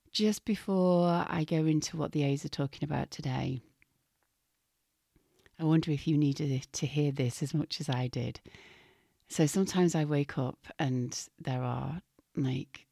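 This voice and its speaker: A low-voiced woman speaks slowly and gently, her voice still recovering and now and then falling to a whisper. It sounds dry and close, with no room around it. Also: gravelly, no room sound. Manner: soft, slow and gentle, drifting into whispers. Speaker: spiritual podcast host. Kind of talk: casual spiritual podcast talk.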